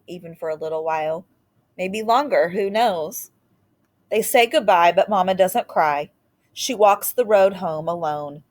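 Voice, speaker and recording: Dramatic pauses and occasional asides punctuate this woman's expressive reading of a picture book. Her voice runs low, and she keeps her phrases short and deliberate.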